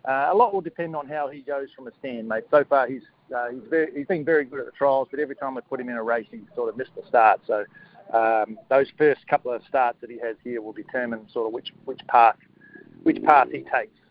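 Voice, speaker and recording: A man giving a casual radio interview as a horse trainer, hesitant, matey and low-key. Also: a little fast. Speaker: harness racing horse trainer, interview guest. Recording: narrow, lo-fi phone-like line.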